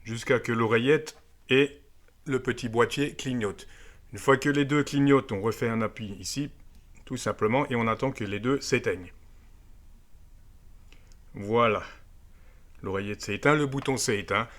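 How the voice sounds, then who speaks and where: Speaking at normal speed with frequent pauses, a man with a medium-pitched, slightly bright voice demonstrates a gadget hands-on. He presents amateur radio videos and explains things casually, step by step, with many tag words.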